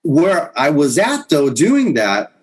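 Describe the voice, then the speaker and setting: A man's voice: on the high side, huge pitch swings, slow, breathy edge, rough recording. A man in his fifties, a guest musician, telling stories casually in a podcast interview, rambling with restarts and chuckles.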